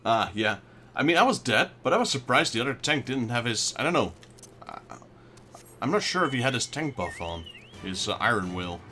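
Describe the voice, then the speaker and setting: This let's play commentator, a native Dutch speaker from the Netherlands with a Dutch accent, keeps things chatty and responds to viewer chat. He has a mid-range, very animated voice with a sharp tone at normal speed, and soft music plays in the background.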